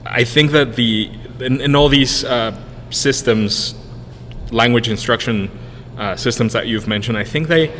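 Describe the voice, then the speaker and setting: With a mid-range, slightly bright voice at a measured pace, a man in his thirties answers a podcast interview, rambling and often restarting amid fillers. He co-owns a brewery, speaks Spanish natively, and moved from a Spanish-speaking country to the US in 1999. The room sounds reverberant, with long decay and faint noise.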